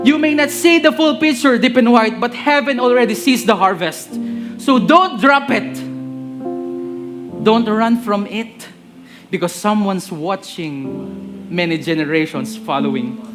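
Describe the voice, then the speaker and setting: A man's voice: high voice, animated, measured pace, music in the background. A man from the Philippines, preaching a sermon and switching between Tagalog and English mid-sentence while chatting and joking with the congregation.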